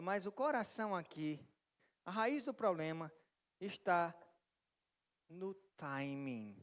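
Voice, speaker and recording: A male Brazilian pastor with a high voice delivers a lively sermon and keeps drawing the congregation in with questions and jokes. His voice rings with the long reverb of a church hall. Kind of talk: interactive sermon.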